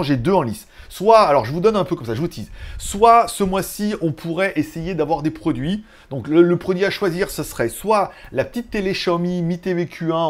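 A man hosting a casual tech news vlog, rambling in a chatty way with joking asides. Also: on the high side. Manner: chatty, joking asides, laughs at own jokes.

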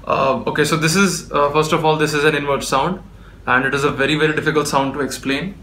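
A man teaches in a patient, step-by-step way, his voice sitting a little high for a man and sounding bright and forceful. He is recorded in a room with clear echo. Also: fairly even intonation, quick pace, a little hiss or hum. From India. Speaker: beatboxer teaching. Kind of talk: spoken tutorial. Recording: echoey room.

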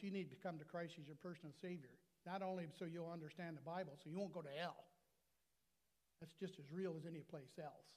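An older American man preaching a sermon from the pulpit of a small church, slowing down to stress his words. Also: on the high side, darkish tone. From United States. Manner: earnest preaching, slows and stresses key words. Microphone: lapel mic at a pulpit.

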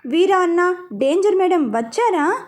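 A woman's voice: very high voice, animated, measured pace, voice pushed up. A woman voicing a sly young male prankster in a storybook reading, talking mock-innocently. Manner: mock-innocent, stifling laughter.

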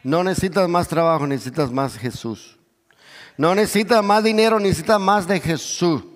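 Preaching in Spanish though English is his first language, a middle-aged pastor roams a large church stage with gestures. His voice sits high and moves at normal speed, swelling to near shouts amid hallelujahs and calls for amen. The audio carries the long reverb of a big church hall.

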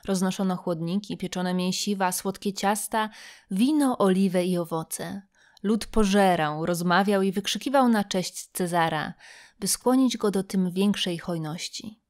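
Woman, audiobook reader, steady even delivery, scripted novel narration, mid pitch. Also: measured pace.

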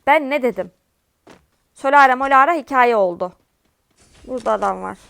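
A woman with a high voice hosts her own gaming channel, talking viewers through a match in a loose, chatty way. She often bursts out in exasperated complaints and shouts at opponents. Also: normal speed, vocal fry, dry recording. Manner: chatty, with frequent exasperated outbursts at the game. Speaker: gaming streamer. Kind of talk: casual gameplay commentary.

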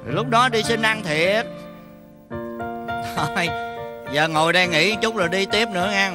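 A man's voice: sits high, measured pace. A man playing a comic older family friend who chides and lectures, in Vietnamese folk opera acting. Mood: lecturing. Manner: chiding and lecturing, half sung. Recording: loud instrumental music behind.

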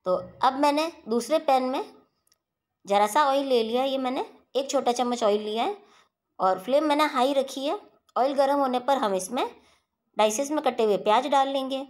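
In a steady instructional voice-over, a woman hosting a home cooking channel walks viewers through a recipe step by step. Her voice is high and her pace moderate.

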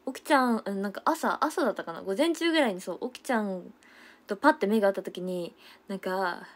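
A young woman chats easily on her livestream, giggling often. She answers viewer comments as they come in. Her pitch sits in the middle for a woman. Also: lively intonation, quick pace. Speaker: idol livestreamer. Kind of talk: casual livestream chat.

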